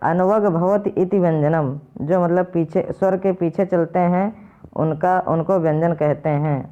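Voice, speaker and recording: A man teaching a lesson, patiently repeating and slowly spelling out each sound. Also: on the high side, fairly even intonation. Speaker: Sanskrit teacher. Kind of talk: explanatory lesson to viewers. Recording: dull lo-fi recording.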